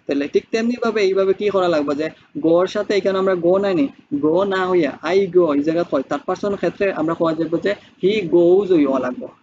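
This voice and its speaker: Male English teacher, quick high voice, dull recording, faint hiss. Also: darkish tone. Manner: explains step by step, asks rhetorical questions. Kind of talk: spoken English lesson.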